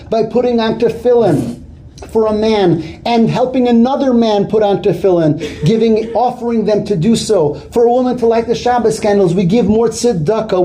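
A man giving an earnest sermon as a rabbi, weaving in a story told with lively quoted dialogue. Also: high-pitched, slight background noise. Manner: earnest, builds to animated retelling of quoted dialogue.

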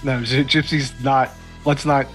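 A man co-hosting a podcast, speaking in brief, dry remarks with a husky voice. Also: medium pitch, level tone, a little slow, a bit bright, soft background music. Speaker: podcast co-host. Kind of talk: casual chat.

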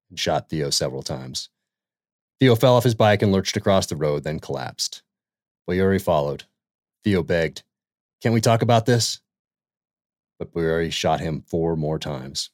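Deep-voiced male podcast host. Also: a little mellow, dry recording, clean studio sound. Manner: halting, with many fillers and restarts. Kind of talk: reading a book excerpt, then interviewing.

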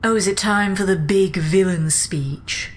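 A woman's voice: mid-range voice, measured pace, lightly acted. A woman playing a guarded, defiant adventurer in an audio drama, with a dry, sardonic way of talking. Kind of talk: scripted audio drama acting.

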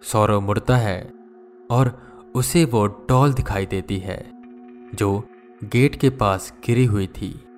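A man narrating a scripted horror story in a slow, measured storytelling manner. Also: lowish voice, darkish tone, faint music behind.

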